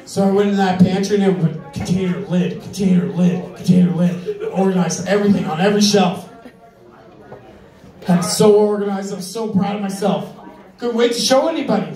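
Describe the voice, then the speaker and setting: A man's voice: high-pitched, normal speed, warm tone. A man performing an amateur stand-up comedy set in a conversational, profane, exasperated way. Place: live comedy venue with audience. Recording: echoey room, distant mic, audience laughter. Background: crowd laughter.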